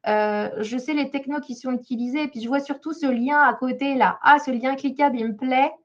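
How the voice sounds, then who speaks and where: A woman's voice: sits high, brisk. A woman job coach giving a webinar talk while reviewing a CV, hesitant, with many fillers and restarts. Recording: slightly dull lo-fi sound.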